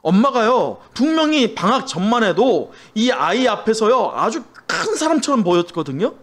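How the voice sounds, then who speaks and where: Animated high-voiced male pastor preaching. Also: normal speed. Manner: animated preaching with questions to the congregation. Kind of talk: sermon.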